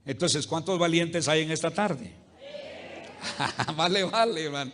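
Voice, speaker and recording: High-voiced pastor preaching folksy. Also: male voice, a little slow, fairly bright tone. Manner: folksy, peppers speech with "¿verdad?" and "hermano"; humorous everyday anecdotes. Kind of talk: conversational sermon. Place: church service before a congregation.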